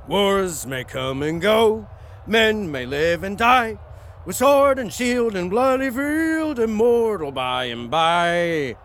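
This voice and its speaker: A man's voice: fairly high pitch, big pitch swings, extremely slow, fairly bright tone, slight background noise, heavily acted. A man playing a cowardly braggart soldier. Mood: sing-song. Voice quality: theatrical, whining when begging. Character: cowardly boastful soldier, comic. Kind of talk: Shakespearean stage acting.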